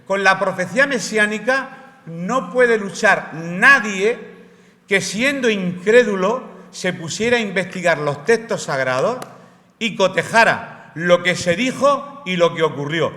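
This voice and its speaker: Bright-voiced man preaching in a church. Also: sits high, lively intonation, measured pace. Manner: explanatory, asks the congregation rhetorical questions. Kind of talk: sermon. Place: church hall. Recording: roomy church hall reverb.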